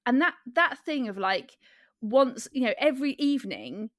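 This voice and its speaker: A woman from England co-hosting a podcast, chatting casually with halting restarts and frequent agreement. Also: sits high, very animated, no room sound, studio quality. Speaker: podcast co-host. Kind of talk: casual chat.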